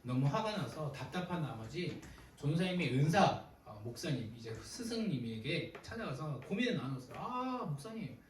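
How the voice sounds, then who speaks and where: A young man preaching a sermon to teenagers in a relaxed, conversational way, retelling his own arguments with quoted dialogue. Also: a little high, moderate pace, echoey room, far from the mic, low-quality recording. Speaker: youth ministry pastor. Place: church sanctuary.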